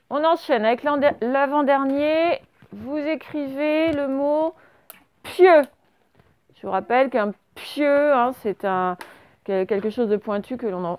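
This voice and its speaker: Smooth and a little mellow, a fairly high female voice belongs to a primary school teacher conducting a dictation with no echo in the audio. She spells words out letter by letter, asks the class questions, and praises their replies.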